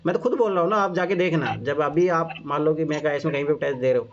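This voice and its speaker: A man's voice: a little high, quick pace. A man coaching students on answer writing, casual and encouraging, repeating his reminders. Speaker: exam coach reviewing answer copies. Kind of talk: informal coaching talk. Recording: muffled lo-fi sound with clear background noise.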